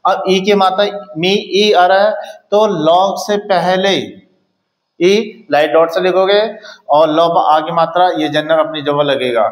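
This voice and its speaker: A man teaching a shorthand lesson in speech, explaining step by step and often pausing to check understanding. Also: high-pitched, roomy sound. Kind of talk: classroom lesson.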